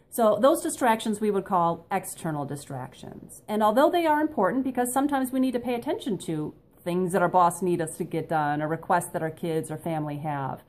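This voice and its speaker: A woman's voice: mid-range voice, darkish tone. A woman speaking as a motivational coach, explaining things in an instructive way and addressing her listeners directly.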